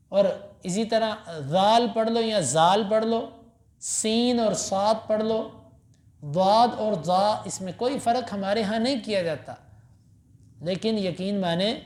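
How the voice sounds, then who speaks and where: Emphatic mufti teaching in an echoey mosque. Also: male voice, high voice, darkish tone. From Pakistan. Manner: emphatic, recites Arabic verses slowly then explains. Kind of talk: Quran lesson after evening prayer.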